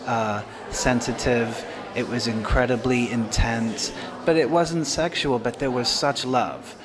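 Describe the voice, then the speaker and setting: A man answers an interview question at a slow, deliberate pace. He sounds earnest and thoughtful, with people murmuring behind him. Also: mid-range voice. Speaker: filmmaker being interviewed.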